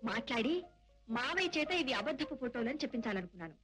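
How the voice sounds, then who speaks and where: A spirited young daughter. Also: female voice, on the high side, lively intonation, fast talker, fairly bright tone. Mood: earnest. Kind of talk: dubbed film acting. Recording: film soundtrack with background music.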